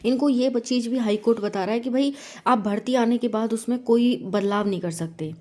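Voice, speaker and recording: The host of a government exam news channel gives viewers an informal, conversational explainer, often checking in with rhetorical questions. Her voice is on the high side with a darkish tone, her pace is brisk, and the sound is roomy.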